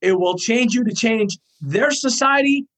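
A man's voice: very high-pitched, a little slow, fairly bright tone. A man from Iraq in his thirties, a guest in an interview, speaking earnestly and emphatically and piling up points in lists. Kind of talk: impassioned interview answers.

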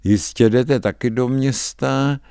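A man's voice: mid-range voice, fairly even intonation, dark tone, clear, resonant tone, no room sound, clean studio sound, voice pushed up, close to an everyday voice. A man voicing a fawning, overly polite old male traveling wine salesman in a dramatic radio story reading.

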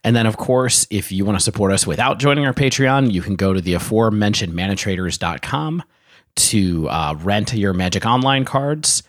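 A man co-hosting a casual podcast, chatty and joking, reading out card text and giving shout-outs. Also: on the low side, expressive, moderate pace, no room sound, studio quality. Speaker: podcast co-host.

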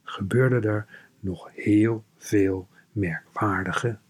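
A man reading a children's novel aloud in a steady, measured way. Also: lowish voice, slightly rough. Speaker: audiobook reader.

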